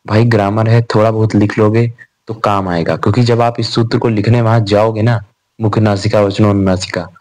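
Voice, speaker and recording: A man's voice: on the low side, fairly even intonation, normal speed, darkish tone. A young man giving an informal revision lecture on grammar. He talks in a chatty way, calls the students "bhai", and asks and answers his own questions. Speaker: Sanskrit grammar tutor.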